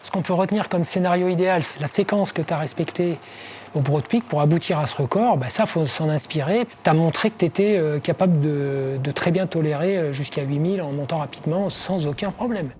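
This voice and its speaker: A coach looks back on a climber's performance in an interview, speaking in an analytical, hesitant way. His voice is fairly high, with a faint noise underneath. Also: brisk, a little mellow.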